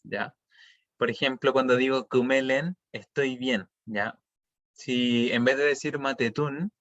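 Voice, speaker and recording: A man's voice: medium pitch, a bit bright, lo-fi sound. A man teaching an online language class, explaining patiently and checking often that students follow.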